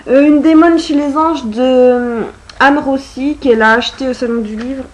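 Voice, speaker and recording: A woman's voice: high-pitched, steady tone, normal speed, darkish tone, slight background noise, low-quality recording. A young woman vlogger chatting casually about her books, full of hesitations and fillers. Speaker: book vlogger. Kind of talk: casual chat.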